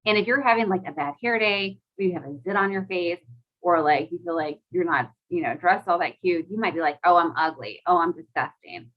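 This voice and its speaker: Speaking a little quickly in a lowish voice, a woman who is a mother hosts a live talk over lo-fi audio. She's chatty and laughs a lot, fills her speech with "like," and keeps asking the crowd questions.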